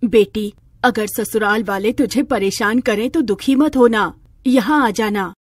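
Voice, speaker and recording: A woman's voice: on the high side, measured pace, dry recording, studio quality. A woman voicing a doting middle-aged mother who spoils her daughter. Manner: indulgent.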